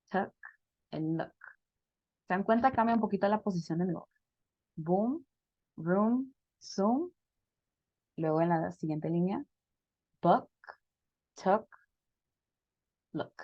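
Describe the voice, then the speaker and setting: A woman's voice: fairly low pitch, vocal fry, darkish tone, no room sound, highs cut off. A woman teaching a pronunciation class over a video call, explaining step by step and checking in with her students. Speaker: English teacher.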